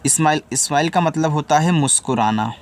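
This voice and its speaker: A man from India with a slightly high voice teaches English spelling briskly. He goes letter by letter through each word, then patiently explains its reading.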